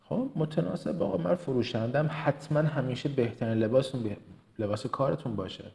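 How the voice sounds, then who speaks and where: A trainer from Kerman, Iran, delivers a motivational business lesson with a slight Kermani Persian accent. His mid-range voice is warm with some vocal fry, and he speaks emphatically, repeating words for stress and rattling off quick lists.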